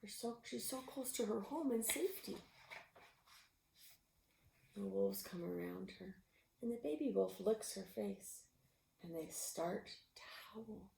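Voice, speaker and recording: Gravelly woman reading a picture book aloud. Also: mid-range voice, a little slow, long pauses, a little hiss or hum. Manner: expressive, with gasps and animal sounds; drops to a whisper at tense moments. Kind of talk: storybook read-aloud. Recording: roomy echo.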